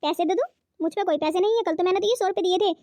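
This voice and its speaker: A woman's voice: extremely high pitch, rapid-fire, dark tone, dry recording. A woman voicing an elderly, stingy mother-in-law in a cartoon who grumbles and scolds. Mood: grumbling. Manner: scolding, complaining. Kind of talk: cartoon voice acting.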